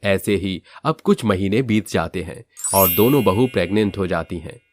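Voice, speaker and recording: A man narrating a cartoon family story in an even storytelling tone. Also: sits low, normal speed, a little hiss or hum.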